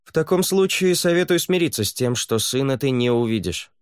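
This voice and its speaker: Мужчина-чтец озвучивает суровую, закалённую воительницу-полукровку, говорящую резко и отрывисто. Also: male voice, mid-range voice, lively intonation, a little fast, clean tone, no echo, studio quality, voice pushed up, lightly acted. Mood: stern. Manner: blunt and curt. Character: stern, hardened half-blood woman warrior.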